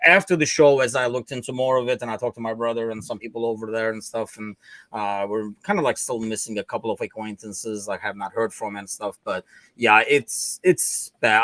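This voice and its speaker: Loose and chatty, a Turkish man runs a live football podcast out of Chicago, his casual talk full of fillers. The voice is mid-range and a bit bright, captured in a dry recording.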